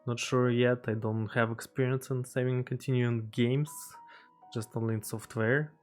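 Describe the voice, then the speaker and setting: Faint music plays behind a man describing his indie game in a casual devlog voice-over. He isn't a native English speaker, and his mid-range voice stays steady even as he keeps pausing on fillers and restarting his sentences.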